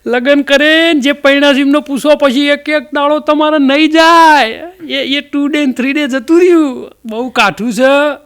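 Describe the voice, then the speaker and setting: A man's voice: extremely high pitch, fairly even intonation, normal speed, hardly any pauses, a bit bright. A man with a Mehsana Gujarati accent telling jokes in a folksy, chatty stand-up style, with dialect fillers. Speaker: comedian.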